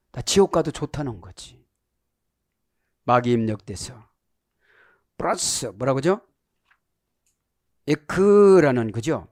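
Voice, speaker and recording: A man's voice: mid-range voice, dry recording, clean studio sound. A middle-aged man preaching a sermon as pastor, teaching Greek words and acting out the voices of the people he quotes. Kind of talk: sermon with Greek word study.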